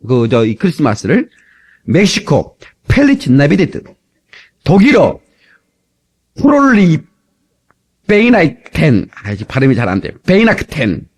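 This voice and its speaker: This is a Korean man preaching as pastor, animated and humorous, repeatedly chatting to the congregation, preserved on an aging cassette tape. His medium-pitched voice moves at a moderate pace and carries a breathy edge.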